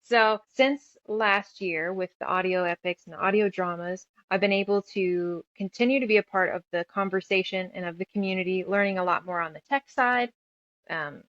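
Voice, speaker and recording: Here the same kind of guest appears: an American author, musician, and audio drama creator chatting casually in an interview. She talks at a moderate pace in a medium, slightly bright voice, rambling in a talkative, reflective way. The recording sounds dull and dry.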